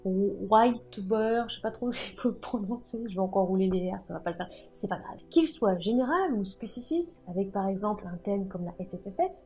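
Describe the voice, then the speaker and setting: A woman hosting a writing and book channel, talking in a lively, chatty way and often joking about herself. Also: mid-range voice, fast talker, few pauses, soft background music. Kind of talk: casual chatty video talk.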